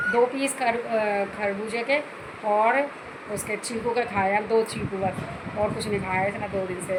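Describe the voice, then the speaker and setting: A middle-aged woman and mother chatting casually to viewers from her home kitchen, repeating herself and calling them guys. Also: medium pitch. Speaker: vlogger, mother. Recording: noisy home phone recording.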